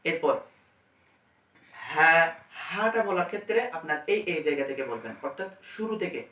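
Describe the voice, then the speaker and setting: A man teaching pronunciation step by step, demonstrating each letter slowly and carefully. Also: a little high, very animated, fairly bright tone, distant mic. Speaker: Quran teacher. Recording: echoey room, mic set back.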